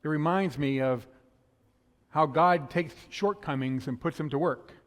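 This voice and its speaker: A fast-talking male pastor from the northern United States delivers a conversational sermon. His voice sits a little high, with a slight lisp on s sounds. A long reverb trails each phrase, as in a large church. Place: church sanctuary.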